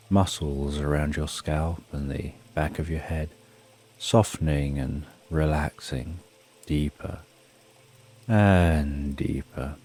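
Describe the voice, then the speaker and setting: Very deep, slow-talking male sleep narrator. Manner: soothing, unhurried, hushed delivery. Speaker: sleep story narrator and host. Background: soft music and rain.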